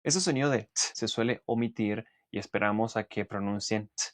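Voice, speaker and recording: A man teaching English pronunciation, explaining clearly and methodically and modelling example words. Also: lowish voice, moderate pace, no room sound, clean studio sound. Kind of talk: explanatory language lesson.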